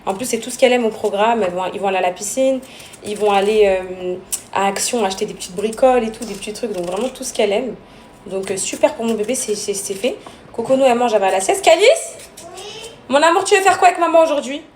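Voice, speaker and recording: In an echoey room full of loud background noise at home, a family vlogger and mom talks to the camera, alternating between cooing at her kids and sharing confidences with her audience. She's a fast talker with a mid-range voice.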